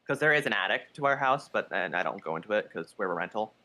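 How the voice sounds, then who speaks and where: A man's voice: on the low side, expressive, fast talker, sharp tone. A young man chatting casually with friends on a voice call, rambling with many fillers.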